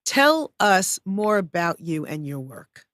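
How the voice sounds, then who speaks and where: A woman's voice: fairly low pitch, big pitch swings, slow, a bit bright, no echo. A woman hosting a live studio talk show, upbeat, chatty and welcoming. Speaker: show host.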